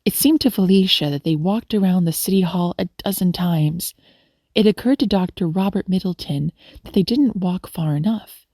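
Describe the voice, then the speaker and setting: A woman narrating a classic story as an audiobook, reading gently and giving the characters their own voices. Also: lowish voice, moderate pace, no room sound, studio quality.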